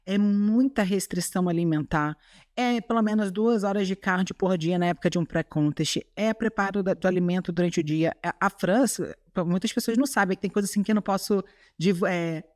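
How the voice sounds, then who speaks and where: Earnest and casual, a podcast guest who is a bodybuilding athlete from Chile with a Brazilian Portuguese accent punctuates her comments with "sabe?". Her medium-pitched, darkish voice moves fairly quickly, and the studio-quality recording is dry.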